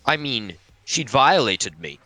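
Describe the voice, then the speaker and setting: A mischievous male bear headmaster, read by a man in a fan reading. He speaks in a middle-pitched, smug and teasing way, tossing in bro at the ends of lines. Faint music plays behind him. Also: big pitch swings, slow, sharp tone, dry recording, exaggerated voice.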